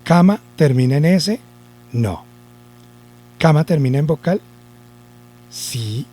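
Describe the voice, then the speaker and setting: A man teaching children a spelling lesson, speaking slowly and deliberately. His voice is fairly high yet mellow, with a rising and falling melody as he repeats rules and poses questions to himself. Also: expressive.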